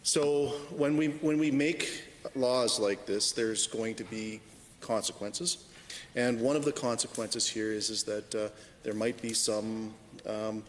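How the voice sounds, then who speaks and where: A man, a member of the legislature, giving a halting floor speech full of restarts and fillers in the chamber. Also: fairly low pitch. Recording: long hall reverb with faint noise.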